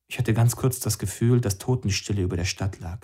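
A man with a somewhat low voice narrates a novel as an audiobook. His delivery is calm and measured, steady scripted storytelling. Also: breathy edge.

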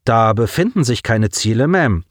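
A man's voice: medium pitch, lively intonation, normal speed, no echo, studio quality, lightly acted. A man voicing a dutiful male petty officer giving clipped reports on a starship bridge. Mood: worried.

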